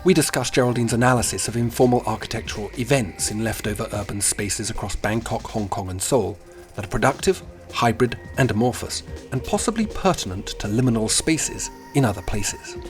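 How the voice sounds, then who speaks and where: A man's voice: mid-range voice, fairly quick, soft background music. A man from Britain hosting an interview podcast, asking questions politely and eagerly, with the odd stumble. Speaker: podcast host. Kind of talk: interview conversation.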